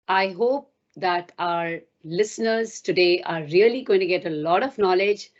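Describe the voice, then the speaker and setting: Low-voiced woman interview host. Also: lo-fi sound. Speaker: podcast host. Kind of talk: interview hosting.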